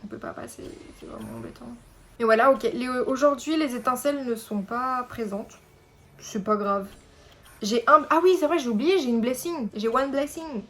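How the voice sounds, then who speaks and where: A woman's voice: fairly high pitch, moderate pace, a bit bright. A young woman chatting casually over mobile game summons, rambling with many fillers and self-corrections. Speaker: gaming YouTuber. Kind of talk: casual gameplay commentary.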